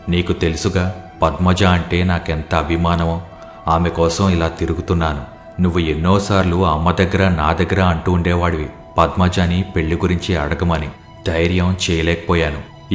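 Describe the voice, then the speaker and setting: A man voicing a deep, mournful ghost. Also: lightly acted. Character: ghost of a dead young man, sorrowful. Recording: echoey, roomy sound.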